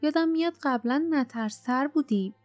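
A woman voicing a bold young woman traveler who talks quickly and tenderly to her companions. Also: sits high, darkish tone, no room sound, voice pushed up, natural voice. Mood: gentle. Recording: dry close mic, faint music underneath.

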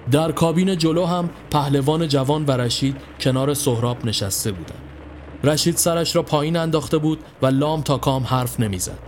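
A man reads a horror tale in a measured, steady storytelling voice. His pitch sits a touch high for a man, and a faint hiss runs under the recording. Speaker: narrator. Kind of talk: scripted horror story narration.

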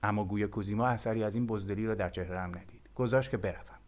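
A man reading a translated novel aloud as an audiobook narrator, calm and measured. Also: fairly low pitch.

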